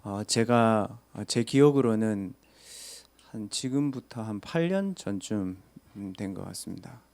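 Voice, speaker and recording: A man's voice: fairly low pitch, lively intonation, unhurried, vocal fry, darkish tone. A man, a pastor telling a story in a casual sermon and asking listeners rhetorical questions. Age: 30s.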